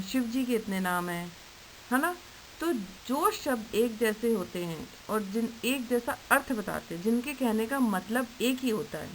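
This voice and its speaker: Slow, patient woman teaching young children. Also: on the high side, rough recording. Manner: slow, patient, asks questions and answers them herself. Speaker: primary school teacher. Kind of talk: online lesson for young children. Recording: faint hiss.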